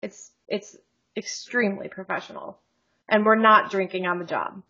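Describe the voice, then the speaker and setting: A woman's voice: medium pitch, fairly even intonation, moderate pace, sharp tone, slightly rough, lo-fi sound. A woman co-hosting a podcast in casual chat, joking and rambling with frequent laughs, over a video call. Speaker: podcast co-host.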